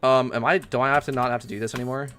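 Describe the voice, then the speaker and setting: A young man livestreaming a game, chatting casually, swearing and ranting loudly at it. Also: medium pitch, rapid-fire, faint music behind. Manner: excitable, swears often, rants loudly at the game. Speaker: streamer.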